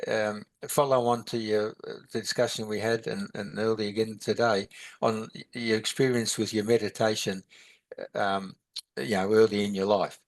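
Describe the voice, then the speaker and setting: Halting man teaching spiritual ideas. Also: lowish voice, level tone, no echo. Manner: rambling, halting, with many restarts. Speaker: meditation and philosophy teacher. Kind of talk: conversational podcast teaching.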